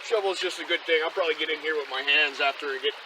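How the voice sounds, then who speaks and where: A man's voice: a little high, racing. A man hosting a casual outdoor vlog by a creek in the woods, chatty and rambling as he talks to a camera on a tripod, out of breath after a hike. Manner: chatty, rambling, with frequent "uh" and "until then". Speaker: vlog host. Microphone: camera on a tripod, moving closer and farther. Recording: outdoor camera audio with loud stream noise. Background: running stream.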